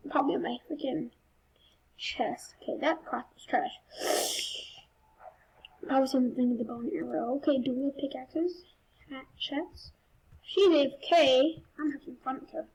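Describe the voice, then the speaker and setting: High-voiced woman in excitable game commentary. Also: measured pace, long pauses, dull audio. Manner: excitable, swinging between muttering and squealing outbursts. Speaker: gaming channel host. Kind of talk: casual gameplay commentary.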